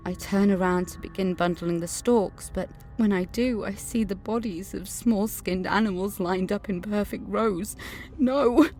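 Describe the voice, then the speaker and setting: Her mid-range, darkish voice is unhurried and close to an everyday speaking voice, with faint music behind. Voicing an angry, suspicious teenage schoolgirl in an audio drama, she sounds terrified as she earnestly narrates her memories and visions and speaks in dialogue.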